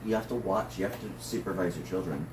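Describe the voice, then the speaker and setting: A man's voice: deep voice, fast talker. A man who is a drag performer, talking casually through notes in a discussion. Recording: roomy, distant mic with faint noise.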